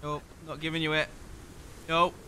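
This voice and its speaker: A man streaming a shooter game live, chatting with his viewers in a profane, excitable way and quick to rant. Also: fairly high pitch, a little hiss or hum. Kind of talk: live gameplay commentary with chat. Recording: game gunfire clearly heard behind the voice.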